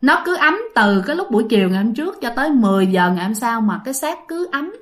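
A woman's voice: on the high side, sing-song, fast talker. A woman telling a ghost story in a chatty way, often turning to her listeners with fillers. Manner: chatty, addresses listeners directly, many fillers.

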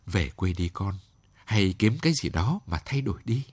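A man's voice: deep voice, lively intonation, moderate pace, husky, no echo. A man doing a humble poor old man. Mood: gentle. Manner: gentle, pleading.

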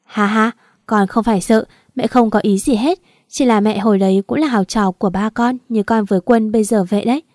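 A woman's voice: medium pitch, steady tone, brisk, a little mellow, no echo, clean studio sound, close to an everyday voice. A woman voicing a talkative, fussing middle-aged mother-in-law in a read-aloud story. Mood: chatty. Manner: chatty, fussing, laughing easily.

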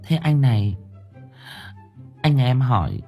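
A man's voice: medium pitch, sing-song, a little slow, mellow, faint music behind, voice pushed up. A man voicing a playful young woman who teases with coy questions. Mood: teasing.

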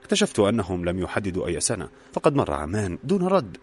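A man reading the lines of a calm young unemployed engineer who talks with dry humor in a storybook reading. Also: low voice, quick pace, slight background noise.

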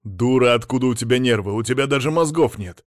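A man's voice: mid-range voice, fast talker, no echo, clean studio sound, close to an everyday voice. A man voicing a blunt, hot-tempered middle-aged businessman husband. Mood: gruff. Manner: blunt, gruff, loud.

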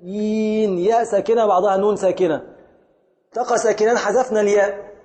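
High-voiced Egyptian man teaching in echoey hall. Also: fairly even intonation, darkish tone. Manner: deliberate, repeats points and questions students. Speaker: grammar teacher. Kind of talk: classroom lecture.

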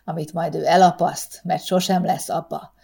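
Woman reading gruff drunk husband, bitter and strained, storybook voice. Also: fairly low pitch, fairly even intonation, mellow, full character voice. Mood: anguished. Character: gruff drunk working-class husband and father.

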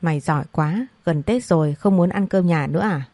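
A woman voicing a blunt, sharp-tongued young man in an audio story, with a deadpan, mocking manner. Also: lowish voice, a little fast, no echo.

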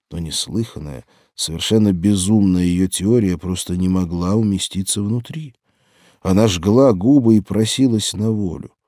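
Man reading a novel aloud, low dark voice, dry close studio sound. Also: no room sound. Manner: measured storytelling reading. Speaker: audiobook narrator. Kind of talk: scripted narration.

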